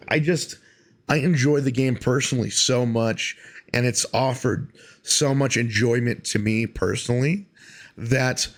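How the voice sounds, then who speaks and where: A man hosting a solo podcast, talking casually in an earnest, rambling, informal way. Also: medium pitch. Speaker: podcast host.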